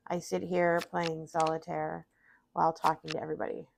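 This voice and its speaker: Against a noisy background, a middle-aged woman speaks in a low, level voice with vocal fry, talking fairly quickly. Sniffly and tired after her vaccines, this streamer plays solitaire and rambles casually to chat about her day, often making fun of herself.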